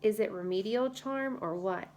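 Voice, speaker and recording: A woman's voice: mid-range voice, normal speed, darkish tone, a little hiss or hum, close to an everyday voice. A woman reading the part of an eager twelve-year-old boy, earnest and friendly.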